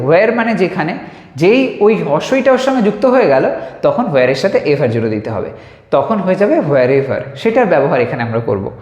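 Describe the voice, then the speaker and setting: A man teaching an English grammar lesson, patiently repeating examples and slowing down to spell them out. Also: high voice, a little mellow. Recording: echoey room with long reverb.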